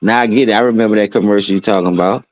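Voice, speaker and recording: Man, low voice, dry close-mic sound, loose profane podcast storyteller. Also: rapid-fire, no room sound, highs cut off. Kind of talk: casual podcast chat.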